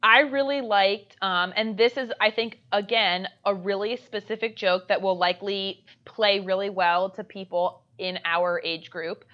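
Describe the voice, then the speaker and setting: A woman in casual conversation, recapping a movie with animated energy and quick asides. Her voice sits at a middle pitch. The recording sounds a bit muffled and lo-fi. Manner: animated retelling with acted-out quotes and laughter. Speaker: podcast co-host. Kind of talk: casual chat reviewing a movie.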